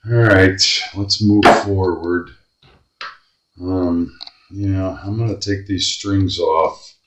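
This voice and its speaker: A man's voice: sits low, steady tone, extremely slow, far from the mic, slight background noise. A man repairing a guitar at his workbench, muttering to himself and grumbling as he works. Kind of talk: workbench commentary. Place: workshop bench. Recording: echoey room, voice off-mic.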